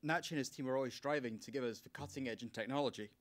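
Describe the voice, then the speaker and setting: A man's voice: medium pitch, rapid-fire. Young man, earnest event speech, slightly emotional. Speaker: PhD student speaker. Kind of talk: prepared speech at a launch event.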